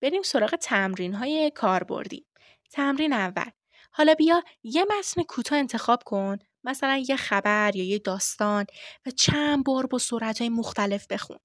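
A woman with a fairly high voice teaches voice technique in a clear, instructive podcast style, going point by point. The recording is dry and close, with no room sound. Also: animated, no echo. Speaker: voice-acting teacher. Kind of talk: podcast lesson.

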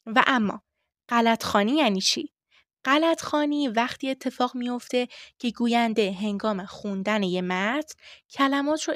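A woman with a fairly high voice teaches voice technique in a clear, instructive podcast style, going point by point. The recording is dry and close, with no room sound. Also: dry recording. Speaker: voice-acting teacher. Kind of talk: podcast lesson.

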